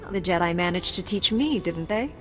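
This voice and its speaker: With game music behind her, a woman voices a confident young female knight in a video game. Her natural voice sits on the low side and is expressive and fairly quick, and her delivery is direct and matter-of-fact.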